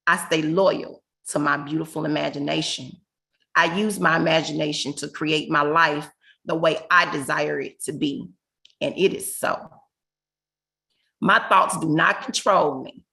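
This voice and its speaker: A woman slowly and emphatically reading personal affirmations on a video call. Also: low-pitched, vocal fry, sharp tone, poor audio. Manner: slow, emphatic, declamatory. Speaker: graduate giving affirmations.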